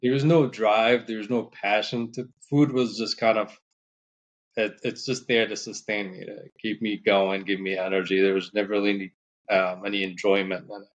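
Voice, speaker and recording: A man from Morocco, a podcast guest, telling his story in a relaxed, rambling way with many fillers. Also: lowish voice, normal speed. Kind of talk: casual storytelling interview.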